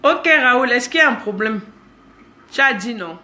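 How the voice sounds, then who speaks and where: A woman in her thirties with a Cameroonian accent chats casually on a live stream, reading comments, greeting viewers by name and teasing them. Her voice is a little high, expressive, pushed and bright, at a moderate pace.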